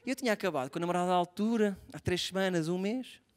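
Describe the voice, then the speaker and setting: A young man with a European Portuguese accent doing live stand-up comedy, animated and self-mocking, swinging from soft asides to loud outbursts. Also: high voice, fast. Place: theatre stage before a live audience.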